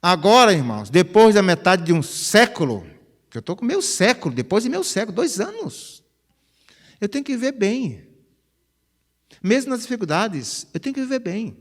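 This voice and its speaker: A pastor, preaching a chatty, conversational sermon. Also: male voice, high voice, normal speed. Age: 50s. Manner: chatty, animated, peppers phrases with "né?". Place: church sanctuary. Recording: reverberant church hall.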